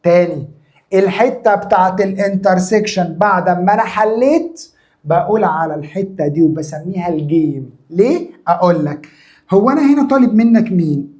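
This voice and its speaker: A mellow-voiced male math teacher with an Egyptian Arabic accent leads a lesson at a mid pitch for a man. He keeps firing questions at the class and answering them himself, hammering each point home by repeating it. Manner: asks his own questions and answers them, drilling by repetition.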